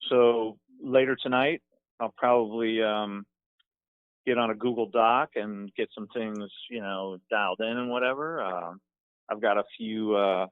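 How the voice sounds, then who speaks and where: A man's voice: on the low side, measured pace, no echo. Laid-back frat-bro man on a dull phone line. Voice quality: smooth, relaxed. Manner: laid-back frat-bro slang, often saying "bruh". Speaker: call-in guest, past contest champion. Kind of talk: casual radio phone-in chat. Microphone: telephone.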